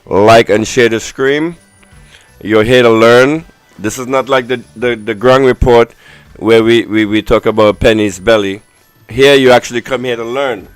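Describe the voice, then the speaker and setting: A man's voice: mid-range voice, a little slow, clear, resonant tone, no room sound, soft background music. A man hosting his own stream show, talking in a loose, repetitive and self-amused way. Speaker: show host. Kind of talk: casual stream commentary.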